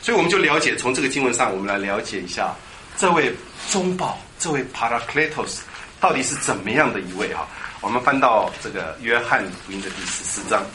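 A man preaching a lively Bible teaching sermon, quizzing his congregation and drilling them on Greek words. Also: mid-range voice, fairly quick. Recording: echoey hall with background noise.

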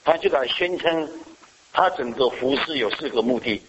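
Male pastor, bright voice, question-and-answer sermon, muffled lo-fi recording. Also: medium pitch, animated, moderate pace, slight background noise. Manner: asks the congregation questions and answers them.

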